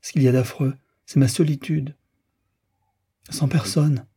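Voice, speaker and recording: Male reader doing a sorrowful, restrained wife; soft, plaintive, dark-toned. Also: medium pitch, steady tone, unhurried, husky, pitched above the performer's own voice. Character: grieving, yearning bourgeois wife in her thirties. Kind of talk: audiobook character reading.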